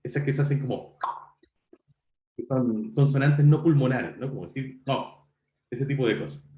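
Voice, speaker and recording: This man speaks at a normal speed with a warm, medium-pitched voice, heard through lo-fi, reverberant sound. He gives an online university lecture, talking to students directly in a relaxed way and amending what he says as he goes.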